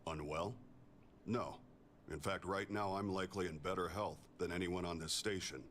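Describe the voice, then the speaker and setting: A very deep-voiced calm augmented soldier. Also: male voice, a little hiss or hum. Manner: measured, even and plainspoken. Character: augmented male ex-soldier engineer, calm and composed. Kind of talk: video game character dialogue.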